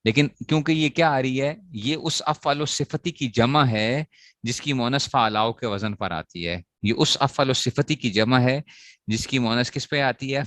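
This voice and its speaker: A man's voice: mid-range voice, fairly bright tone, no echo. A man teaching a grammar lesson to students, asking questions and answering them himself as he repeats the key points. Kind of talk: classroom lecture on Arabic grammar.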